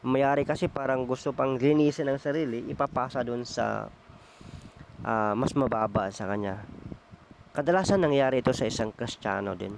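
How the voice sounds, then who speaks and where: Gravelly-voiced male preacher. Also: medium pitch, moderate pace, a little hiss or hum. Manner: addresses listeners as brethren, asks frequent tag questions; mixes in English phrases, many hesitations. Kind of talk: conversational Bible sermon.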